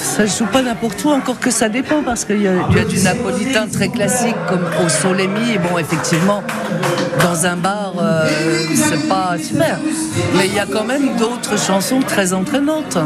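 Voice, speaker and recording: A woman who sings Neapolitan songs answers questions in a lively bar. Her talk is relaxed and informal, and she drifts between topics easily. Loud music plays right behind her. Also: medium pitch, moderate pace. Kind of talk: casual interview. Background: loud music and bar ambiance.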